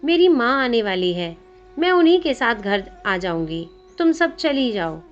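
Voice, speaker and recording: A woman voicing a shy, gentle young woman who speaks softly and bashfully, in a narrated devotional story. The recording sounds slightly dull. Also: a little high, big pitch swings, a little slow, soft background music. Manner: soft, bashful.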